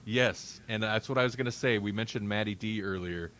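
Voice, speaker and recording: On a live-streamed podcast, a male host trades casual banter with a lowish, slightly bright voice, speaking a little fast. He rambles with wry humor and frequently interrupts himself.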